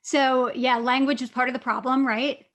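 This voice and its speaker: A woman's voice: high-pitched, fairly even intonation, normal speed, fairly bright tone. A woman interviewing an author, asking casual, rambling questions. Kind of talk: conversational interview.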